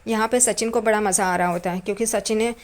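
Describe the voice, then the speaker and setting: A woman's voice: mid-range voice, steady tone, quick pace. A woman narrating a recap of a TV serial episode. She walks through each scene in order and closes every quoted line with a trailing tag. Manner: retells scenes step by step, tagging quotes with a trailing "karke".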